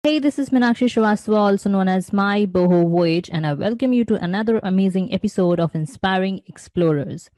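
A woman's voice: medium pitch, a little fast, hardly any pauses, dark tone, dry recording. A woman hosting a podcast, reading an upbeat scripted intro and then chatting with her guest. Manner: upbeat and promotional, with "uh" fillers when unscripted. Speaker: podcast host.

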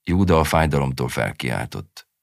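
A man reading a short story aloud as an audiobook narrator, in a measured, even storytelling manner. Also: a bass voice, vocal fry, dry recording, clean studio sound. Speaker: audiobook reader.

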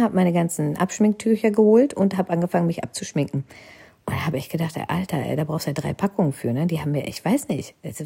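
A woman's voice: lowish voice, gravelly, dark tone, breathy edge. A woman telling the story of her own wedding in a casual, rambling way, tagging nearly every sentence with a questioning "ne". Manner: rambling, constant tag question "ne?".

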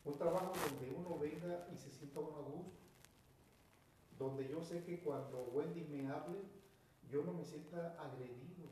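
A man supervising staff, calmly mediating a workplace dispute and often checking for agreement. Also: fairly high pitch, moderate pace. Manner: calm, conciliatory, repeats "¿sí?". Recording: echoey room, mic far off, faint noise.

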